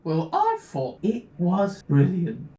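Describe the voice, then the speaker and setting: A woman playing a petulant, excitable little male castle knight in a comedy film, eager for a fight. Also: lowish voice, slow, exaggerated voice. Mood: loyal, defensive. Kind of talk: comedic film character acting. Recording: echoey room.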